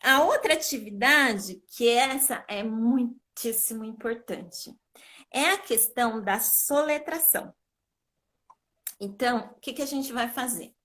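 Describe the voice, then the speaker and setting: On a live video call, a literacy educator teaches in a slightly high, unhurried voice with a fairly bright tone. She explains things step by step with patience and frequently checks that she is being understood.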